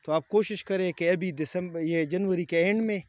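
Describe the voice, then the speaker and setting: A man from Pakistan with a fairly high voice talks outdoors among poplar trees. He explains like a farm advisor, stopping often on hesitation fillers as he points things out. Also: a little mellow, dry recording. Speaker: agriculture advisor.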